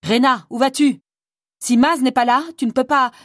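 Woman reader as a blunt, commanding caretaker: low, firm and dry. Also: normal speed, no echo. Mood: alarmed. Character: brisk, no-nonsense caring woman.

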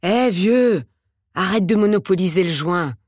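A woman voicing a rough-voiced, stoned young man in an audiobook, with slangy, coarse, grumbling talk. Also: medium pitch, expressive, measured pace, darkish tone, no echo, studio quality. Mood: irritated. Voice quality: hoarse, gravelly. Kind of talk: audiobook character voice.

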